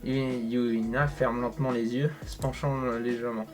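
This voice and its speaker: Joking young-sounding French gamer. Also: male voice, mid-range voice, level tone, normal speed, darkish tone, faint music behind. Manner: joking, exaggerated reactions, slangy. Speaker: gaming content creator. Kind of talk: reading a visual novel aloud with commentary.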